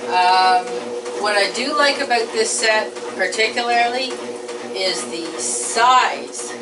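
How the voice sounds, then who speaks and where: Middle aged lady reviewing her laundry set, slow easy talk, recorded from across a laundry room, lots of background hum. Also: fairly high pitch. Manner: unhurried, plainspoken, with frequent ums and asides. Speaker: home appliance reviewer. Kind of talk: casual product walkthrough. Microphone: camera across the room. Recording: distant camera mic with loud hum.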